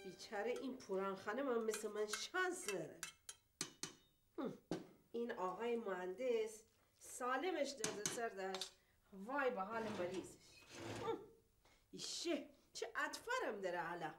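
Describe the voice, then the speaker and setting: An actress playing a chatty housekeeper who grumbles to herself, in a TV drama. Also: female voice, medium pitch, lively intonation, pauses often, noisy background, close to an everyday voice. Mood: grumbling. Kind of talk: TV drama acting.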